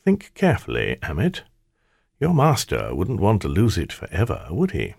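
A man's voice: sits low, wildly swooping pitch, moderate pace, creaky, darkish tone, husky, dry recording, clean studio sound, full character voice. A man voicing a cocky male trickster spirit who taunts with a theatrical, mocking delivery. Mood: taunting.

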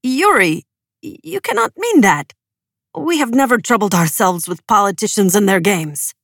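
A woman voices a cautious, anxious male cult elder from a storybook, pleading in a raised voice. Her delivery is animated, mid-range, and fairly bright at a moderate pace, pitched above her own voice yet close to an everyday one, with a dry, clean studio recording.

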